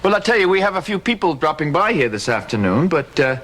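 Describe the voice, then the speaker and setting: A man's voice: fairly high pitch, sing-song, fast talker, a bit bright. An actor playing a friendly, chatty family man in a daytime soap, heard from an old VHS tape recording. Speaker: soap opera character.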